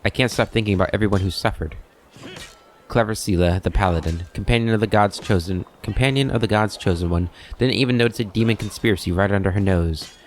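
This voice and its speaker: Man reading woman paladin, grieving, bitter, self-mocking, low voice, game character. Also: fast, slight background noise, lightly acted.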